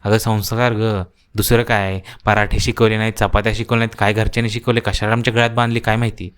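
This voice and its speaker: A man's voice: on the low side, little pitch movement, fast, clean tone, lightly acted. Bitter old cartoon matriarch who grumbles and complains, voiced by a man. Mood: grumbling. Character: grumbling old woman of the house, harsh.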